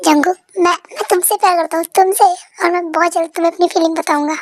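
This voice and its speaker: A woman's voice: extremely high pitch, steady tone, fast talker, dry recording. A woman voicing a shy, jealous young man in love, in a fan-dubbed story, pleading and emotional. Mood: yearning.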